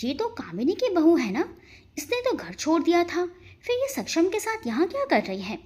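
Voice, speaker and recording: A woman's voice: very high voice, wildly swooping pitch, moderate pace, darkish tone, full character voice. A woman voicing a scheming, gossiping middle-aged neighbor who taunts and mocks in a storybook reading. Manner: taunting, mocking.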